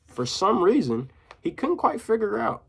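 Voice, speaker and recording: A man's voice: sits high, very animated, measured pace, creaky, a bit bright, breathy edge. A male teacher reading a children's book aloud, dropping into casual, slangy asides to his listeners.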